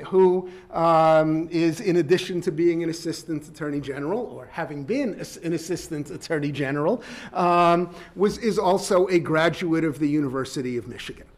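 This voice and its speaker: A man giving an academic law lecture in a measured, deliberate way, with frequent ums and uhs. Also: on the high side. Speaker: law professor. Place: lecture hall.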